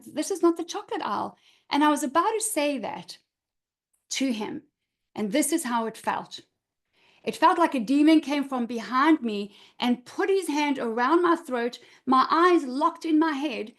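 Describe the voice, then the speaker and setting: A middle-aged woman with a high voice speaks over a video call, coaching a group of women through her own story. She talks earnestly and repeats her key points for emphasis. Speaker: confidence coach.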